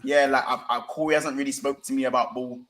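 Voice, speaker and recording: Man, London roadman accent, slangy, show host, casual football banter, medium pitch. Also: fairly even intonation, quick pace, a bit bright. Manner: roadman slang-laden speech.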